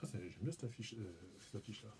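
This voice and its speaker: Mellow-voiced Frenchman unboxing casually. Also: on the low side, fast talker, gravelly, slight background noise. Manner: relaxed, rambling, self-mocking, hums and mutters while handling items. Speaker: video channel host.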